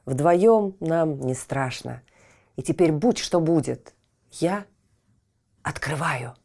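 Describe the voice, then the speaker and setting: A woman's voice: deep voice, animated, slow pace, gravelly, dark tone, exaggerated voice. A woman voicing a curious, determined young boy in a children's audio fairy tale. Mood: resolute. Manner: eager and questioning, resolute.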